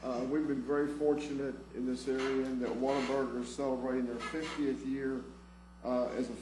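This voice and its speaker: A man, a county commissioner, making informal, halting remarks at a public meeting. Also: mid-range voice, little pitch movement. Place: indoor government meeting chamber. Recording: echoey room with clear background noise.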